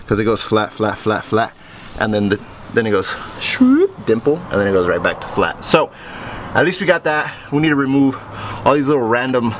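A fairly low-voiced man talks casually in a garage vlog, explaining as he works on a car. Faint workshop noise sits behind him. His delivery is relaxed and chatty, and the camera mic catches him as he moves around. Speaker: car project vlogger.

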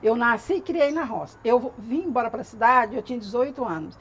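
A woman's voice: on the high side, a little fast, slightly rough. A woman from Brazil who works at a women's police station, chatting casually on a TV show and telling funny anecdotes with frequent laughter. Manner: animated storyteller, laughs often.

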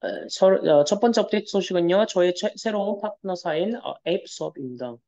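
A man's voice: high voice, lively intonation, very fast, dark tone, dull audio. A man interpreting a webinar consecutively, polite and formal with hesitant fillers. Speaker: Korean interpreter.

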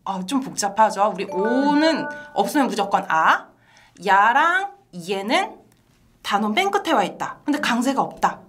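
Animated woman hosting a language lesson. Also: mid-range voice, unhurried, faint music behind. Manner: bright and animated, laughs often, asks questions to engage viewers. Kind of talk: lively two-person language lesson.

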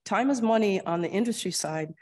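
This clinical research administrator, a woman with an Upper Midwest accent, is presenting a slide lecture at grand rounds while still getting over a cold and losing her voice. She explains things conversationally, with frequent ums and throat clearing. Her pitch is medium, her tone darkish, and her pace a little fast.

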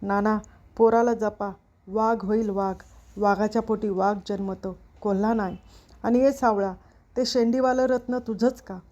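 A woman's voice: medium pitch, fairly even intonation, measured pace, mellow, dull audio, close to an everyday voice. A woman voicing a jovial village horseman in a storybook reading, with teasing, rustic banter.

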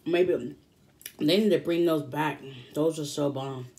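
A woman's voice: deep voice, a little slow, a little mellow. A woman in her thirties chatting casually while eating, chewing as she talks. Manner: chewing while talking, with savoring hums. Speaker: mukbang vlogger. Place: small indoor room, seated at a table. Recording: faint background noise.

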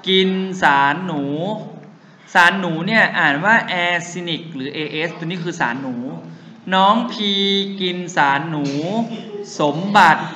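Young male tutor, bright slow sing-song drilling, echoey classroom. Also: fairly high pitch. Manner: calls himself big brother to students. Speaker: chemistry tutor. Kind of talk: classroom lecture with memory tricks.

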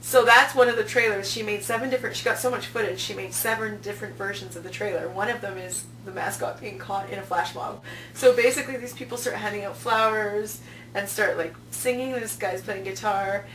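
This interview guest, a festival programming director in her thirties, chats casually, telling anecdotes and dramatizing quoted remarks. Her medium-pitched voice is a bit bright and fairly quick. Captured in a small indoor office, the audio is roomy, with a distant microphone and a noticeable hum.

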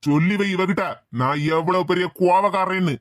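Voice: mid-range voice, normal speed, no room sound, studio quality, natural voice. A voice actor playing a hot-tempered village man with a Tirunelveli accent, scolding and threatening his niece in a cartoon. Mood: angry scolding. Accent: Tirunelveli Tamil.

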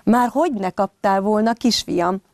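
A woman's voice: mid-range voice, a little mellow, dry recording, pitched above the performer's own voice, natural voice. Woman doing a fussing mother bear. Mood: soothing. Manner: exclaiming, scolding.

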